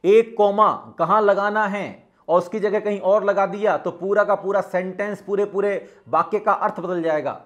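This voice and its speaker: A man giving a spiritual teaching talk, measured and instructive, repeating his key points. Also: sits high, fairly even intonation.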